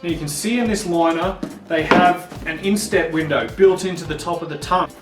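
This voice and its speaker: High-pitched, nasal man in a roomy space. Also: fairly quick. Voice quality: nasal, blocked-nose sound. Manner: informal, explanatory. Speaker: host of a ski boot advice show. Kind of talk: informal instructional Q&A to camera. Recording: roomy echo, distant mic, music.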